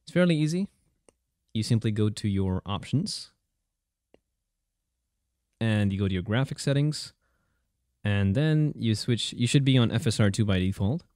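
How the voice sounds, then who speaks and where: A man hosts a casual how-to tutorial. His voice sits on the low side and is recorded very dry, close to the microphone. He talks conversationally, feeling his way through the steps with some hesitation. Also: expressive, moderate pace, pauses often, darkish tone, no room sound. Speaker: tutorial host.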